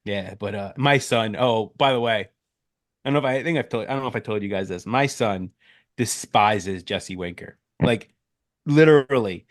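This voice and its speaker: Man, 30s, casual podcast co-host, animated storyteller, dry close sound. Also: lowish voice, normal speed, dry recording. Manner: animated storytelling, acting out his own quotes. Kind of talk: casual chat.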